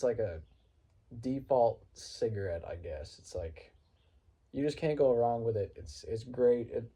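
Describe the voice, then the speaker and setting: A man's voice: mid-range voice, warm tone, husky. A man talking casually to viewers in a rambling, laid-back, informal vlog style. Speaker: vlogger. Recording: some background noise.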